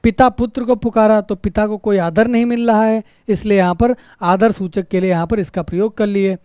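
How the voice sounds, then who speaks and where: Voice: mid-range voice, fairly even intonation, normal speed, mellow, clean tone, dry recording, clean studio sound. A grammar teacher explaining a lesson, repeating example sentences and asking rhetorical questions with a frequent tag question.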